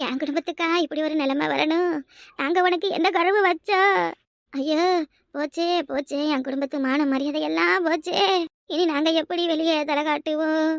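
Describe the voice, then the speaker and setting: A woman voicing a melodramatic village mother who laments loudly in a cartoon, speaking with a Kanyakumari Tamil accent. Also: high voice, fairly even intonation, normal speed, creaky, dry recording, clean studio sound. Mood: wailing. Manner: lamenting, melodramatic, dramatic sobbing. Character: wailing middle-aged village mother, dramatic. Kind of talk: cartoon voice acting.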